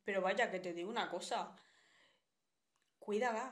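A woman's voice: medium pitch, normal speed. Young Spanish woman, casual live streamer, frank and talkative. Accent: Spanish, from Spain. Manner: chatty, blunt, reads viewer comments aloud.

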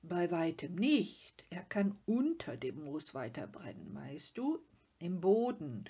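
A woman's voice: medium pitch, dark tone, slightly rough, dull audio, heavily acted. A woman voicing a fussy, proud troll father who is easily offended, talking in an indignant, lecturing way. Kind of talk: storybook reading.

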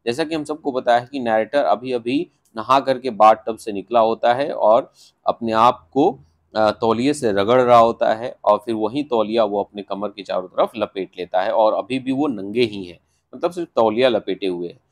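A man with an Indian accent, explaining a textbook chapter to students line by line. He reads each English line slowly, then explains it in Hindi, pausing to think. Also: on the low side. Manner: patient classroom explaining, thinks aloud with fillers. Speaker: teacher.

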